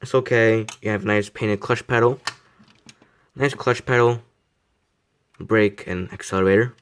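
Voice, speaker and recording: A man's voice: fairly low pitch, fairly even intonation, a little slow, clear, resonant tone. A young man casually reviewing a model car, rambling, repeating himself and poking fun at himself. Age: young adult. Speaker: die-cast model reviewer.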